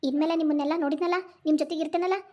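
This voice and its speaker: A woman with a high voice does cartoon voice acting as a tearful, protective mother grieving and reunited with her son, in a North Karnataka Kannada accent. Her intonation is fairly even and her pace rapid-fire, with a mellow tone and light acting. The sound is lo-fi.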